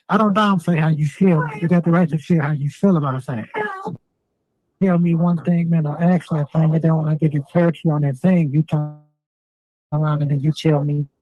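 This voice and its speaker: A man's voice: fairly high pitch, darkish tone. A man speaking from jail over a prison phone line, rambling and argumentative, repeating himself as he talks. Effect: heard over a prison phone line. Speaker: jail inmate on a call. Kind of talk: casual phone conversation.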